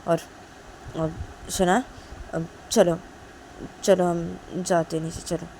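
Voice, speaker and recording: A woman's voice: on the low side, flat delivery, slow pace, darkish tone, a little hiss or hum, poor audio. A woman voicing a young woman who firmly defends her girlfriend to her mother. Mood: insistent. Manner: firm, insistent.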